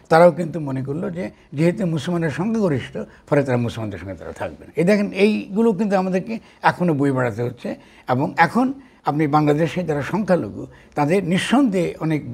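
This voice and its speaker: An older man giving a slow, deliberate political talk to his audience, asking rhetorical questions. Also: on the high side, gravelly, darkish tone, husky. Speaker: political commentator. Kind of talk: direct-to-camera talk.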